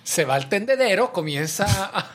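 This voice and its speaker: Husky man narrating a film's plot. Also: sits high, big pitch swings, normal speed, fairly bright tone. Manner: narrates plot step by step, with fillers. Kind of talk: casual movie review chat.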